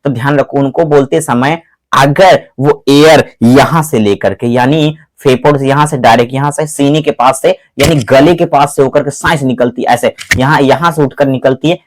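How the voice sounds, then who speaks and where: Male tutor, mid-pitched, Hindi-accented English, drilling students with repeated questions. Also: steady tone. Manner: repeats questions back to the students, drawn-out stressed words. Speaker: English teacher. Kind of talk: classroom-style grammar lesson.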